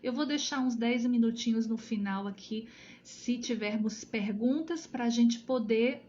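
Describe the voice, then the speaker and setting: High-voiced woman teaching a Bible study. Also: a little slow, a little mellow, a little hiss or hum. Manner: conversational, checks in with viewers often. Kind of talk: live-streamed Bible study. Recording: dull lo-fi sound.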